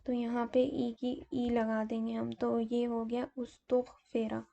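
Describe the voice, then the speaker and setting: Slow, gravelly-voiced woman teaching grammar. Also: fairly high pitch, level tone, warm tone, highs cut off. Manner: slow, methodical explaining with fillers. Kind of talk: grammar lesson explaining examples.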